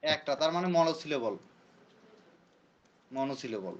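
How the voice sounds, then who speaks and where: A man's voice: mid-range voice, animated, unhurried, highs cut off, a little hiss or hum. A man teaching a classroom lesson who repeats his points and quizzes his students. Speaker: English teacher. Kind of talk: classroom lecture.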